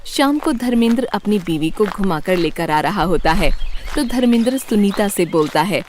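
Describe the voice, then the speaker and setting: A woman narrating a children's cartoon story in a plain, even storytelling voice. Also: medium pitch, normal speed, slight background noise.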